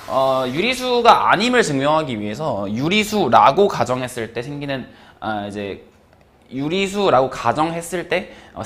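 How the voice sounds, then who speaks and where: Man, math teacher, casual lecture, animated pitch, rambling with fillers and chuckles.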